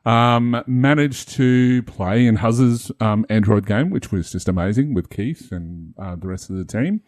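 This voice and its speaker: A man co-hosting a podcast, explaining things in a relaxed way with many fillers. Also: fairly low pitch, unhurried, dry recording, clean studio sound. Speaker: podcast co-host, convention marshal. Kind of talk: casual chat.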